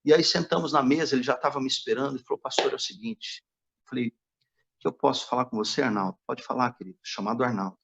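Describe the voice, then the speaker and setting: Pastor, male, gravelly, storytelling testimony, quotes dialogue himself, muffled lo-fi sound. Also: mid-range voice, fast talker, noisy background. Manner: narrates dialogue, quoting others in his own voice. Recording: dull lo-fi recording.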